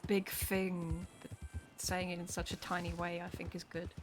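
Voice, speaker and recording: A woman's voice: on the low side, completely flat delivery, normal speed. A woman streamer in a casual, rambling chat, swearing now and then. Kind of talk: casual chat while playing a role-play game. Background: game music and horse hooves.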